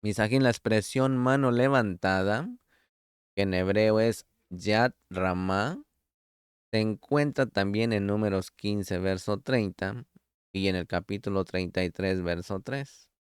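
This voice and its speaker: A man teaching a sermon-style Torah study, reading scripture aloud and speaking directly to his listeners in a deliberate way. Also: lowish voice, smooth, no echo, clean studio sound. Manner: addresses listener directly as beloved. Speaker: preacher.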